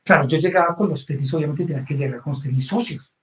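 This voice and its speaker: A man with a Colombian accent tells a story in an interview, his voice sitting a little higher than most men's. He is animated and keeps checking that his listener is following along. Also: fast talker, a little hiss or hum, low-quality recording. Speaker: guest author. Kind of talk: conversational storytelling.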